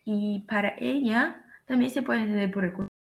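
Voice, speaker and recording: A woman's voice: medium pitch, vocal fry, poor audio. A woman explaining German grammar in a casual lesson, hesitant and full of fillers. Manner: slow, hesitant, many fillers. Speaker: German teacher.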